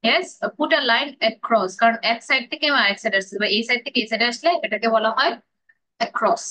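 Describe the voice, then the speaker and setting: A woman's voice: on the high side, a little fast, pushed and bright, rough recording. A woman with a Bangladeshi accent teaching an English grammar class, drilling pronunciation and mixing English phrases into her explanations.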